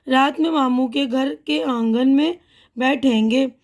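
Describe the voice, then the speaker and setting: A woman reading the part of the young schoolgirl Afsha from a primer dialogue, slowly and carefully. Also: sits high, a little mellow. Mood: eager. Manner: slow, careful reading aloud.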